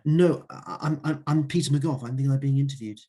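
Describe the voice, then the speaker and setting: Flustered middle-aged author, stammering and indignant, husky voice, as a man plays him. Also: medium pitch, a little fast, mellow, close to an everyday voice.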